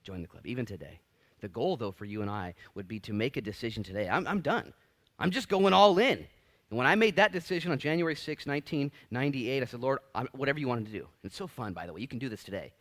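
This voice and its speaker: A man's voice: medium pitch, expressive, quick pace, fairly bright tone. A middle-aged male pastor preaching a sermon in a conversational, joking yet earnest way. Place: church.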